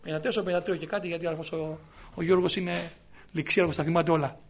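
A man's voice: fairly high pitch, level tone. A man in his fifties preaching a sermon, emphatic and full of rhetorical questions to the congregation. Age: 50s.

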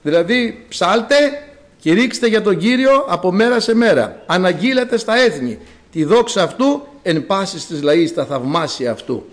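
A man preaching a sermon as a priest, with dramatic rises and drawn-out words. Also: high voice, very animated.

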